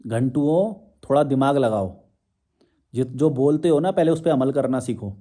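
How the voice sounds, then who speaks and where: Combative young man, mellow voice. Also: medium pitch, moderate pace. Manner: combative, challenging, rhetorical questions. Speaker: social media commentator. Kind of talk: confrontational monologue to viewers.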